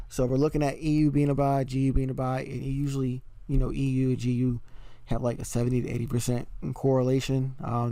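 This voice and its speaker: A forex trading educator walks through charts on a casual screen share, his mid-range voice mellow, flat and fry-laden, slightly going hoarse. Relaxed, he fills his explanation with "um" and "okay?", with no room sound.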